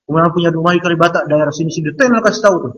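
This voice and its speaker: Husky-voiced Indonesian preacher telling a story. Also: male voice, a little high, very fast, a bit bright, poor audio. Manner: chatty, anecdotal, with Arabic religious phrases. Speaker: Islamic preacher. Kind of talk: casual storytelling in a religious lecture.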